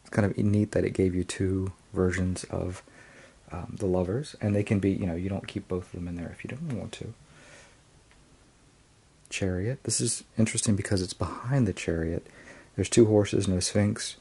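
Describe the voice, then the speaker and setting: A man's voice: low-pitched, moderate pace, dark tone, slight background noise. A man casually reviewing and unboxing a tarot deck, hesitant, with frequent ums and restarts.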